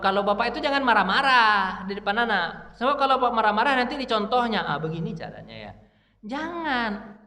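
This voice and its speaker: Man, mosque teacher, bright voice, rising and falling, conversational sermon. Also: high-pitched. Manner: conversational, asks the audience questions and answers them himself. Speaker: mosque teacher giving a lecture. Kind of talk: casual sermon to a dawn congregation. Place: mosque hall. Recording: echoey mosque hall.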